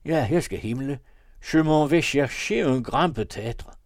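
A reckless young man on his deathbed spins ironic fancies in a wry, rambling way, as a man reads him for an audiobook. Mid pitch, heard close and dry. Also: no room sound, natural voice. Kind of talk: audiobook reading of a classic novel.

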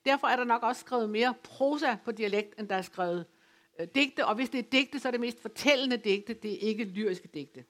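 A woman from West Funen giving an academic lecture, speaking in a measured, explanatory way with occasional hesitations. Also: on the high side. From West Funen, Denmark. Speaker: lecturer on dialect literature. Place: folk high school lecture venue.

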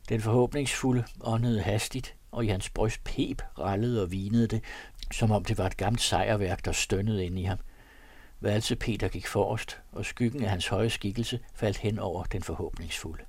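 A man narrating an audiobook story in a steady, measured reading. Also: lowish voice, husky, no echo.

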